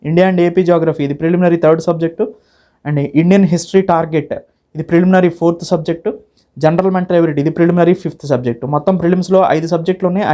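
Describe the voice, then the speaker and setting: A man's voice: fairly high pitch, a little mellow. A man with a Telugu accent giving an informal instructor's walkthrough, mixing English words heavily into his Telugu and repeating phrases step by step. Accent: Telugu, Andhra Pradesh or Telangana. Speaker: online academy instructor. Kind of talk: informal course walkthrough for exam students.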